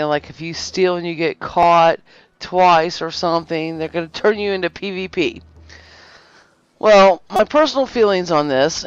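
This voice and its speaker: A woman's voice: lowish voice, dry recording. A woman hosting a game guide video, giving casual tutorial narration over gameplay in a rambling way, correcting herself often. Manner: rambling, self-correcting, lots of fillers. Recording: slightly dull lo-fi recording with faint music.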